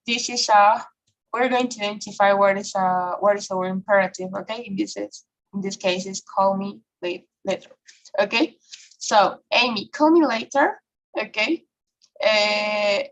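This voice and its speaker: A woman's voice: mid-range voice, a bit bright, low-quality recording. A woman teaching an English grammar class online, often checking in with "okay?" and "right?". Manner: frequent checking questions, filler okay and right.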